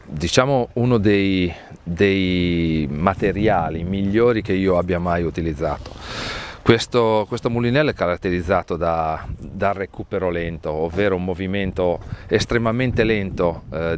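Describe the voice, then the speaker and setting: Man, thirties, very deep voice, halting product talk, outdoors by a lake, faint ambient hiss. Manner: halting, many restarts and fillers. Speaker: brand angler presenting a product. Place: outdoors on a lakeside jetty.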